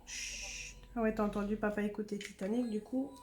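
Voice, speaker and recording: A woman's voice: mid-range voice, steady tone, fast, background noise. A woman casually talking through a craft demonstration, muttering to herself as she searches for items. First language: French. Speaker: craft video host.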